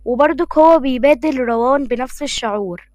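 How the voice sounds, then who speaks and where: A woman's voice: sits high, a little fast, a little mellow, dry recording. A woman with an Egyptian accent telling a story in a chatty, casual way, with asides to the listeners.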